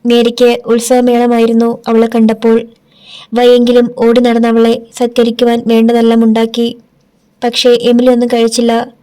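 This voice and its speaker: A woman narrating an audiobook in a steady storytelling manner. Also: a little high, moderate pace. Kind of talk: scripted narration.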